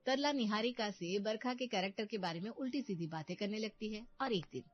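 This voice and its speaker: A woman giving scripted narration for an animated story, steady and even. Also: mid-range voice, a little fast, dull audio.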